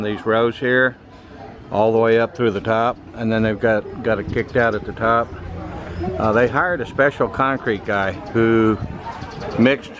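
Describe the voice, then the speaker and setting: An older American man chatting casually as he walks a tropical garden with a handheld camera, pointing things out. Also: lowish voice. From United States. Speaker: travel vlogger. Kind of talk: casual travel commentary. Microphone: camera mic, handheld. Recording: outdoor noise on camera mic.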